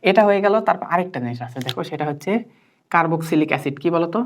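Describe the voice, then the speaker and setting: A woman, teaching chemistry at a brisk clip. She quizzes her student line by line, coaxing answers and checking again and again that it has sunk in. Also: sits low, a little hiss or hum. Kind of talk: interactive tutoring lesson.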